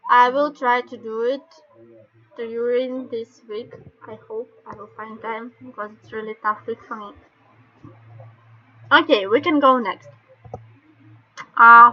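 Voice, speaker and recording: Higher-voiced woman with a Russian accent. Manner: halting non-native English with dropped articles. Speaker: webinar presenter. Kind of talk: informal online training talk, explaining step by step. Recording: dull lo-fi webinar call audio.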